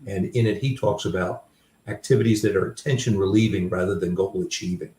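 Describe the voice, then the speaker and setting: A man's voice: sits low, steady tone, brisk, warm tone, roomy sound, far from the mic, slight background noise. An older man and author, telling candid, self-deprecating personal stories in a reflective way, with many restarts. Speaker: author and guest.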